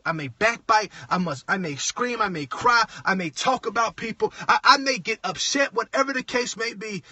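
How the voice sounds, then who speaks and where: A man's voice: high-pitched, bright, forceful tone, breathy edge, dry recording. A man preaching bluntly from inside his car in a frustrated, impassioned monologue. He repeats words and restarts often, speaking close to a phone. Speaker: preacher sharing advice on a livestream.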